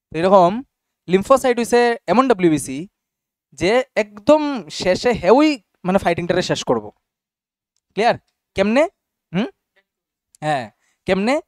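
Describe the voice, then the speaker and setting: A man's voice: high voice, dry recording, studio quality. A young man teaching a class casually and often checking whether students follow. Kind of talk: classroom biology lesson.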